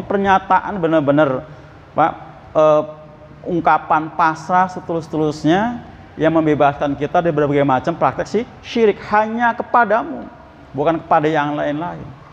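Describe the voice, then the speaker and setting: A man teaching Quran exegesis at a mosque, questioning his listeners and reciting Arabic verses slowly. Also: fairly high pitch, slight background noise. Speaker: ustadz giving Quran exegesis. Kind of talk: mosque study sermon. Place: mosque hall. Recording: muffled, echoey mosque hall.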